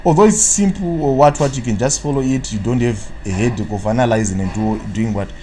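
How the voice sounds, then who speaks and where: A man from Zimbabwe whose first language is Shona runs a live trading analysis stream, briskly replying to viewers' chat in a warm, mid-range voice with a Zimbabwean accent. He rambles, tacking "what, what" onto sentences to fill gaps, and there's a little hiss or hum.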